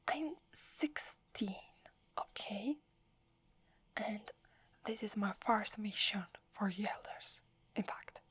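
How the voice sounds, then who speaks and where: Whispering right into the mic, a woman from Italy with an Italian accent voices a haughty sixteen-year-old werewolf girl at a medium pitch, breathy and airy. Slow, proud and wary, she scolds under her breath like the forest is her domain, all soft and close for this ASMR roleplay.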